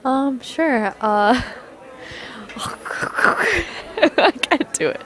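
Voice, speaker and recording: A woman's voice: high-pitched, sing-song, extremely slow, fairly bright tone. A woman being interviewed casually on the street. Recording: some crowd chatter behind.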